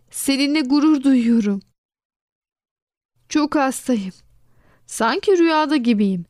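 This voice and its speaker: A woman narrating a children's storybook in an expressive reading voice, giving quoted lines a lively lift. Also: fairly high pitch, clean tone, no room sound, studio quality.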